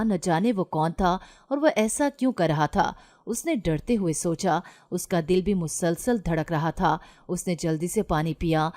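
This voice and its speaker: A woman storyteller reading a scripted moral tale. Her delivery is steady and even, sitting a little low for a woman.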